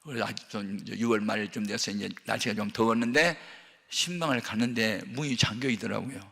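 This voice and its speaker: Older korean pastor guy preaching, gravelly bright voice, big hall echo. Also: on the low side, a little fast. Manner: animated, acts out dialogue, shouts at peaks. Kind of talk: sermon with storytelling. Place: large church hall. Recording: long hall reverb.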